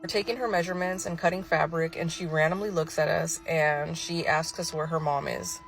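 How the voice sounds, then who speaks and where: A woman's voice: low-pitched, fairly even intonation, a little fast, distant mic. A woman telling a candid, incredulous story to camera about her own child.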